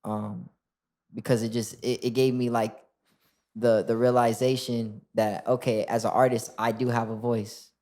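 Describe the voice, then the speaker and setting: A man in his twenties, a guest rapper, talks casually in an interview with a mid-range voice at a moderate pace. He sounds relaxed and keeps saying "like" and restarting his sentences.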